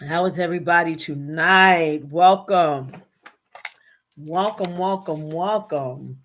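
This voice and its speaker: Woman, middle-aged, live stream host, casual chat, low-ish voice, slow pace, greets viewers by name. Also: fairly bright tone, slight background noise. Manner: chatty, greets viewers by name, many fillers.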